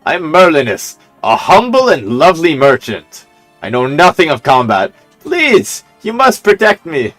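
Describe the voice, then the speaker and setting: A man voicing a cowardly, fussy male merchant who pleads in a shrill voice. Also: huge pitch swings, a little slow, a bit bright, soft background music, exaggerated voice, poor audio. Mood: pleading.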